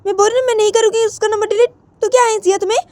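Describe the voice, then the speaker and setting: A woman's voice: very high voice, steady tone, very fast, mellow, dry recording, voice pushed up. Woman playing a stubborn quarrelsome mother. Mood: stubborn defiant. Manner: defiant, repeating refusals.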